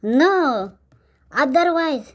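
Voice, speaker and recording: A woman's voice: sits high, lively intonation, very slow, full character voice. A woman playing a drunken, boastful village man in a comic skit, rambling with slurred speech and broken English. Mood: boastful, threatening.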